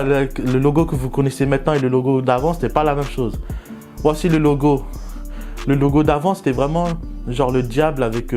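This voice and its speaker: A young man with a warm, relaxed voice chats his way through a drawing session. He jokes at his own expense and leans on street slang. Now and then his pitch leaps up in bursts of excitement. Soft music plays faintly underneath. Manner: slangy, self-mocking, jumps to excited high bursts. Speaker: vlogger. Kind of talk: casual joking commentary while drawing.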